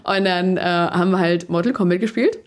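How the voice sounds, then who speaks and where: Young woman, interview guest: casual, animated, laughing storyteller. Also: fairly low pitch, brisk. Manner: chatty and lively, many fillers, laughs while telling. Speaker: guest, singer.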